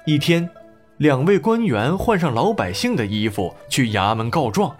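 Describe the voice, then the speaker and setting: A man's voice: medium pitch, moderate pace, soft background music. A man narrating a children's history story expressively. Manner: expressive, lively.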